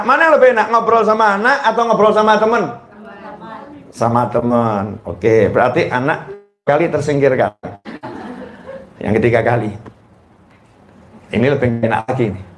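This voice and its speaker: Playful Indonesian preacher in an echoey hall. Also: male voice, lively intonation, normal speed, long pauses, a bit bright. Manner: playful, teasing the audience with questions; jumps into high squealing mimicry of mothers. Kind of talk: sermon. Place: hall with a live audience.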